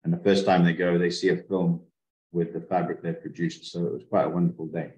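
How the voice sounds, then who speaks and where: Deep-voiced man on an echoey video call. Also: little pitch movement, fairly quick, darkish tone, highs cut off. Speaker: master weaver presenter. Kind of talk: online presentation. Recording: roomy video call audio.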